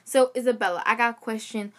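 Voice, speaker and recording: A woman's voice: a little high, steady tone, fast, a bit bright. A young woman chatting casually, rambling with lots of fillers and restarts as she co-hosts. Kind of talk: casual chat.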